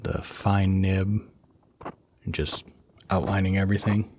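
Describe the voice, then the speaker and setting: A man who hosts an art channel gives a casual voice-over while drawing, sounding under the weather, low on energy and worn out. His low, raspy voice rambles softly and unhurriedly with little pitch movement, over a slight hiss or hum.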